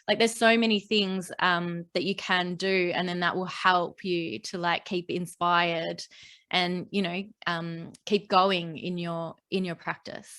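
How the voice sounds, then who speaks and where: A woman's voice: on the low side, flat delivery, measured pace, fairly bright tone. A woman co-hosting a podcast, talking casually in a rambling, upbeat way with lots of fillers. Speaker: podcast co-host. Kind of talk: casual chat.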